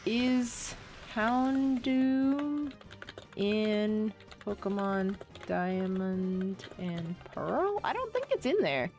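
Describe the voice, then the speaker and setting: A woman's voice: mid-range voice, very animated, very slow, music in the background. A woman streaming a game, chatting casually, rambling and often gushing as she plays. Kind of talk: casual live-stream chat while playing.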